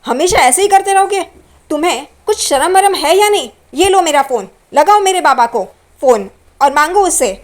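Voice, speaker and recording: A woman voicing an angry young wife who shouts reproaches at her husband. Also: high voice, quick pace, hardly any pauses, natural voice. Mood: angry scolding.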